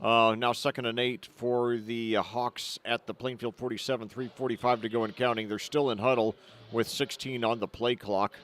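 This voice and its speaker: Male color man for a home team football broadcast, chatty and partisan, even mid voice. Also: medium pitch, normal speed. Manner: partisan, loose with fillers, recaps the score. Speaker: color commentator. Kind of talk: high school football radio commentary.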